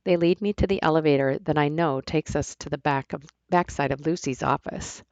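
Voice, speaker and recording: A woman narrates her own novel in the first person, reading at an unhurried pace with the odd restart. Her voice sits low with a gravelly edge. The recording is dry and slightly dull. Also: darkish tone, no room sound.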